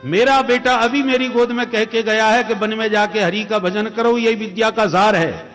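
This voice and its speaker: A man voicing a furious, domineering demon king father who shouts accusations and threats. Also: sits high, fairly even intonation, moderate pace, faint music behind, voice pushed up.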